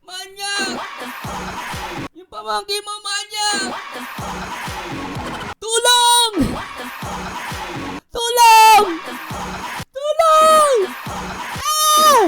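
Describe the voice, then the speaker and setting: A man's voice: completely flat delivery, slow pace, gravelly, pauses often, over loud music, a loud crowd, heavily acted. A man voicing a panicked young woman screaming for help in an over-the-top way. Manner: shrill, shouting, over-the-top.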